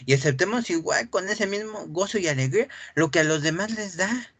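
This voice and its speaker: A man preaching a sermon, animated and acting out voices from the scripture reading, who often clears his throat. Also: sits high, brisk, no room sound. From Mexico.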